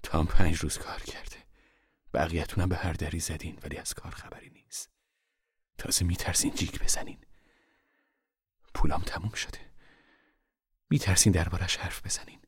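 A man voicing a weary, determined poor mother in a novel reading, low and hushed, sometimes forceful. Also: steady tone, long pauses, breathy edge, in a whisper.

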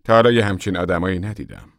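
A man's voice: sits low, lively intonation, dry recording, studio quality. A man reading an audiobook, voicing a small, friendly, talkative camp manager. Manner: warm, friendly, chatty. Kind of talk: audiobook character voice.

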